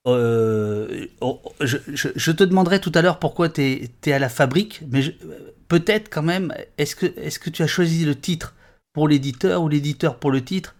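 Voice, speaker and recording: A man hosting a casual live stream, stammering and repeating his words in quick bursts. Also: a little high. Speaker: livestream host.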